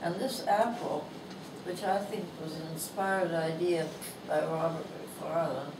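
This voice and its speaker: With a thin, low-pitched voice that isn't strong, a Canadian author in her nineties reads her own funny essay in a bookstore. She's slow, gentle, and amused, with fairly even intonation. She's filmed from across the room on a lapel mic, and the shop sounds echoey and distant with background noise.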